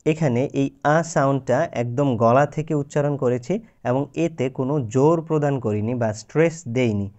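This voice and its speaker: A man's voice: mid-range voice, brisk, darkish tone. A man teaching English pronunciation in a YouTube lesson, explaining patiently and drawing out his example words.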